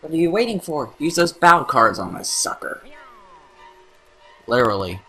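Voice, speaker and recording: A brash talking paint can with a big ego barks orders and cracks jokes, as a man puts him on. The voice is bright and cutting, with a husky edge, and it swings up and down with a lot of bounce. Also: on the high side, big pitch swings, normal speed, faint music behind, full character voice. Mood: bossy. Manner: brash, bossy and wisecracking. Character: cocky talking male paint can sidekick. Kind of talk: let's play voice-over.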